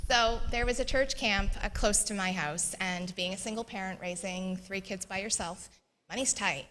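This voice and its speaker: A woman's voice: medium pitch, measured pace. Earnest woman sharing her story, echoey. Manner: earnest, laughs often, animated storytelling. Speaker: guest sharing her testimony. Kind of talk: personal testimony in church interview. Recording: long echoey reverb.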